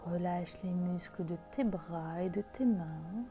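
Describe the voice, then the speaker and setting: A woman guiding a relaxation meditation in a soft, hushed, intimate voice, as if speaking right in your ear. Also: lowish voice, takes it slowly. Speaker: sophrology guide. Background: music.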